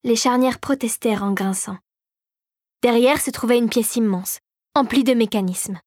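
A woman narrating an audiobook story in a calm, even storytelling manner. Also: fairly high pitch, moderate pace, dry recording, clean studio sound.

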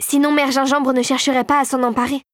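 A plucky young girl from a storybook, as a woman reader voices her, bright and eager, her pitch lifted above the narration. The voice is close and dry, with no room around it. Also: little pitch movement, fast, dry recording, natural voice. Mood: insistent. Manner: eager, insistent. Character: determined young girl heroine. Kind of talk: audiobook character voice.

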